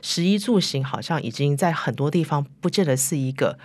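A woman's voice: low-pitched, animated, a little fast, darkish tone, no room sound. A middle-aged woman answering in an interview, her Mandarin foreign-influenced and sprinkled with English words and tags like "right". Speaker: interview guest, company chief executive. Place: recording studio.

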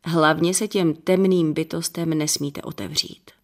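A woman's voice: low-pitched, steady tone, natural voice. A woman reading the part of a serious man cautioning visitors about spirits, in an audiobook. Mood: grave.

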